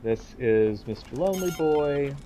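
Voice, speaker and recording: A man hosting a Let's Play with casual, halting, reflective commentary. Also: a little high, expressive, dark tone, slight background noise.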